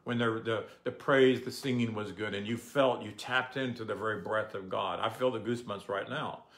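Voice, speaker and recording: Relaxed older man preaching in an echoey room. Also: fairly low pitch, moderate pace. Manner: relaxed, asks the audience questions, chuckles. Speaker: pastor. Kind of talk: conversational sermon.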